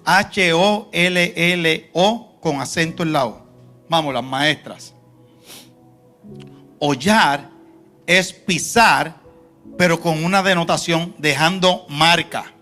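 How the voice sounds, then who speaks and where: A male pastor preaching a sermon in a church, shifting between soft low asides and loud emphatic lines. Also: slow pace, faint music behind. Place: church sanctuary.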